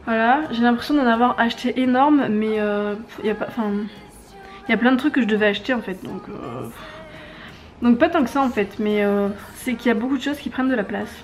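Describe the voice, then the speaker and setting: Young woman, family vlogger, slightly high voice, rambling chatty delivery, faint music behind. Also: fairly quick. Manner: chatty, rambling with many restarts. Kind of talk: casual haul vlog.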